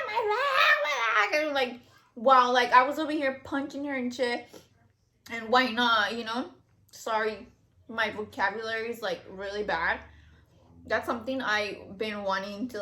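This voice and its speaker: A woman's voice: fairly high pitch, fairly bright tone. Chatty woman vlogger, rambling and cursing. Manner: rambling, filler-heavy, swears freely. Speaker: vlogger telling a story. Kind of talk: casual storytime chat. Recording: echoey room.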